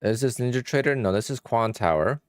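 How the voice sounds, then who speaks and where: His voice mid-range and animated, a young man with a Polish-influenced accent talks a little fast during a casual trading livestream. He thinks out loud offhandedly and responds to questions from chat, in a dry recording.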